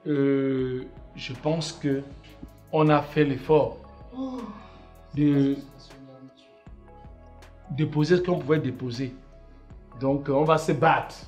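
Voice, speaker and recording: A man's voice: mid-range voice, steady tone, slow pace, pauses often, a little mellow, highs cut off, soft background music, close to an everyday voice. A man acting as an association president in a comedy sketch, hesitant and stammering as he talks.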